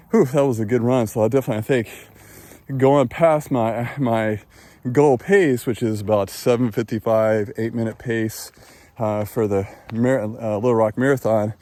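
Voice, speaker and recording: A man chatting casually to viewers as a running vlogger, in a rambling, halting way. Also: mid-range voice, warm tone, roomy sound. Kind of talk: casual vlog talk to camera.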